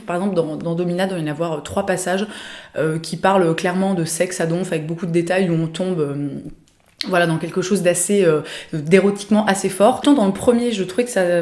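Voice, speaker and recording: Chatty young woman, mellow voice. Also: on the low side, reverberant. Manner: chatty, many hesitations and fillers. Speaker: lifestyle vlogger. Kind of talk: casual recommendations vlog.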